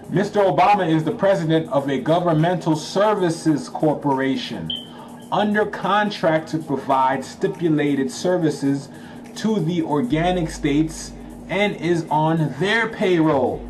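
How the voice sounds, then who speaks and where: Over background music and a low-quality recording, a Haitian channel host speaking Creole reads a document slowly in a fairly high, animated voice. He interrupts himself with emphatic, casual commentary and slangy asides, checking in with the listeners.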